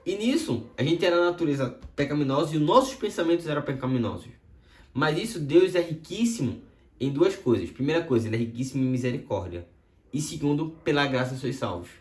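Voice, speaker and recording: A man teaching from the Bible and telling a story with a lot of expression. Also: fairly quick. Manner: expressive storytelling with swings in pitch. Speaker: preacher. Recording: roomy echo.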